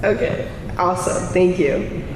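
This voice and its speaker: High-voiced male moderator, echoey and distant. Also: unhurried, background noise. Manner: brief, polite questions. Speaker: panel moderator. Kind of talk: panel moderating.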